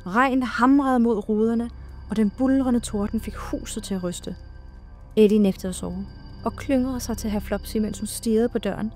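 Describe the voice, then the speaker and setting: Woman narrating a horror story, higher voice. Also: fairly even intonation, soft background music. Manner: slow, hushed and dramatic, with sudden shouted lines.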